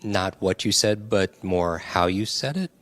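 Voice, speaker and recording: A man's voice: deep voice, a little slow, a bit bright. A male podcast host asking thoughtful, probing questions in an interview.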